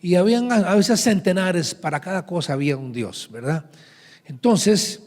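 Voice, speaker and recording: A man's voice: sits high, animated, normal speed, darkish tone. A man preaching as pastor, teaching and reading scripture aloud to a congregation, recorded live in a large church hall. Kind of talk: sermon.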